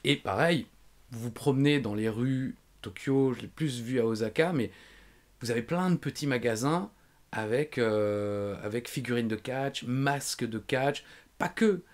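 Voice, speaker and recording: A man's voice: mid-range voice, measured pace. Rambling man telling travel stories. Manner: rambling travel anecdotes, self-mocking. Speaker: podcast host. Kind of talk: casual podcast chat.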